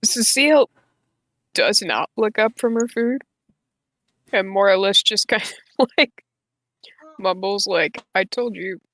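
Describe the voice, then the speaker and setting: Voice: medium pitch, expressive, takes it slowly, pauses often, a bit bright, no room sound. A player narrating their character in an online tabletop role-playing game, with casual narration broken up by laughter.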